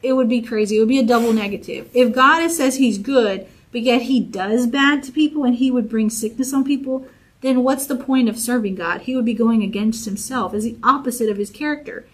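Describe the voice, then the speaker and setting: Woman, fairly high-pitched, Bible study teacher, conversational sermon, encouraging, repetitive. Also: a little fast, husky, poor audio. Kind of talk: informal sermon.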